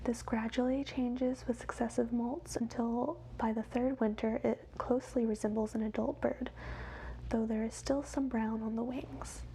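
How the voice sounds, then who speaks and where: A woman whispers wildlife facts in a soft, measured ASMR reading, as quietly as someone watching animals. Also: a little high, steady tone, slight background noise, low-quality recording. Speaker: ASMR host.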